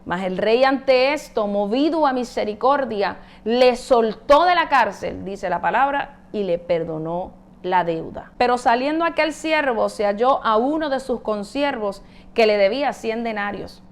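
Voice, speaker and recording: A woman's voice: on the high side, expressive, unhurried. A woman giving a Bible teaching, retelling a parable and explaining it earnestly to the listener.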